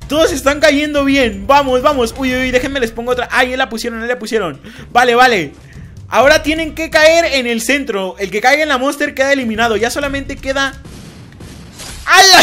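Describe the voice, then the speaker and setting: A young man hosting a multiplayer minigame, commentating with excited energy, shouting and laughing at the action. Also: extremely high pitch. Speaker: gaming youtuber hosting a minigame.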